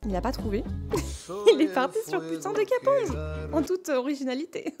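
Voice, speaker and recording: An excitable woman on a live stream, chatting casually as she plays a game. She talks in loose slang with frequent laughter, in a somewhat higher voice. Faint game music plays behind her. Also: normal speed. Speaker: Twitch streamer.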